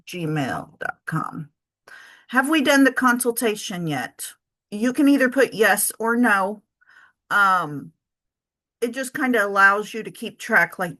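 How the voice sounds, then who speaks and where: Her voice sits in the mid range and comes out pushed and bright. With a case of the hiccups, she chats her way through a casual screen-share spreadsheet tutorial for her travel business, thinking aloud, saying um a lot, and correcting herself.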